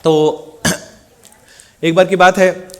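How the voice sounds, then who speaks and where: Man, lively sermon storyteller with a slightly high voice, acts out the dialogue. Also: very slow. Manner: animated storyteller acting out quoted dialogue. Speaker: preacher.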